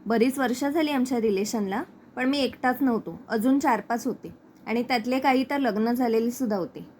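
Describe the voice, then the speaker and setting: A young ex-boyfriend laying out the past, voiced plainly by a woman narrator. The tone is light and somewhat high. The lines are read rather than acted. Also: brisk, a little mellow, slight background noise, close to an everyday voice. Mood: matter-of-fact. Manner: plain reading of quoted lines. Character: young male ex-boyfriend, tell-all.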